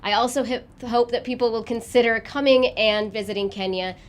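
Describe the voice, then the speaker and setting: A woman from a charity's staff giving casual closing remarks in a warm, wistful way. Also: a little high, fairly even intonation, brisk, slight background noise.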